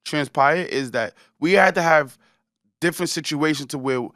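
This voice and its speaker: Bright-voiced man co-hosting a podcast. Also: on the high side, normal speed, no room sound, studio quality. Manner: keeps agreeing, saying "facts". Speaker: podcast co-host. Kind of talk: casual chat.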